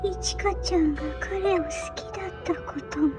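A woman voicing the ghost of a teenage girl in a horror story, hushed, eerie and softly accusing. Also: extremely high pitch, steady tone, normal speed, voice pushed up. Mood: eerie, wistful. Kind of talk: ghost story character acting. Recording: music under the voice.

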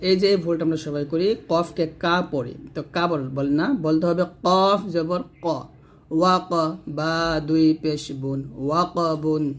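Slow, patient male Quran reading teacher. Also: a little high, fairly bright tone. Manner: spells letters and vowel marks slowly, then blends them, correcting common mistakes. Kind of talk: slow syllable-by-syllable spelling lesson.

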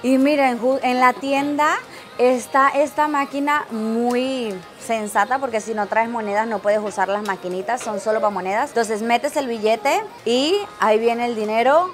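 A woman giving casual vlog commentary as she shops for capsule toys in a busy Japanese toy shop. She is chatty and excitable and laughs often. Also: a little high, moderate pace, faint music behind. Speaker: travel vlogger. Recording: noisy shop ambience.

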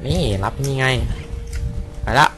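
A man giving casual let's-play commentary, excitable, swearing at enemies and talking to himself. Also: takes it slowly. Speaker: gameplay commentator. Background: game music.

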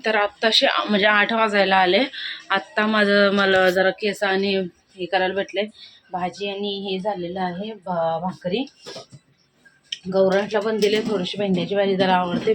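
A woman's voice: medium pitch, little pitch movement, moderate pace. A young woman with a Marathi accent narrating her household chores in a casual home vlog, chatty and talking as she works. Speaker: vlogger, homemaker and mother. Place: home kitchen. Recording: loud background noise at home.

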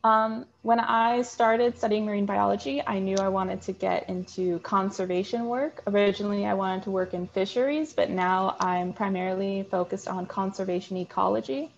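A woman's voice: mid-range voice, moderate pace, creaky, hardly any pauses, muffled recording, slight background noise. A young woman in her twenties, a student guest, giving earnest answers with frequent hesitations over a video call. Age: 20s. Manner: earnest, explains with many "um"s. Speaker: guest, marine biology student. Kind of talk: interview answers.

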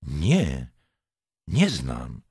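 Brief: nervous indignant driver, defensive, low voice that jumps in pitch, voiced by a narrator. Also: male voice, wildly swooping pitch, drawn-out words, darkish tone, slightly rough, no room sound, clean studio sound, heavily acted. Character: agitated, indignant male driver.

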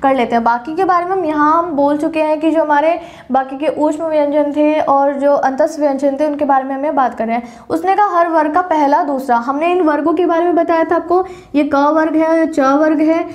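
High-voiced woman teaching Hindi grammar. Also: fairly even intonation, brisk. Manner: explains step by step, recites letters one by one, corrects her own slips. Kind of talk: classroom lecture.

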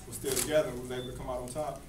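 A man's voice: medium pitch, level tone, very fast. A young adult man, a football player, answering postgame questions plainly and repeating himself. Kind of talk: postgame press conference answers. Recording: roomy, distant, noisy press room.

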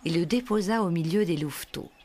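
A woman narrating a children's storybook in a slow, gentle storytelling manner. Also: fairly low pitch.

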